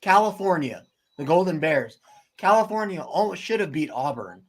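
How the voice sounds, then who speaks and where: A man in his twenties, excitable and quick to argue, chatting casually about college football and swearing freely. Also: on the high side, low-quality recording. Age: 20s. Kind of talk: casual sports chat.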